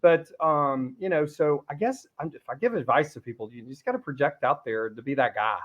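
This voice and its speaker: A man's voice: mid-range voice, brisk, muffled recording. A man guesting on an interview, telling anecdotes in a casual, easy-laughing way. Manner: storytelling, laughs easily. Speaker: guest, real estate team leader.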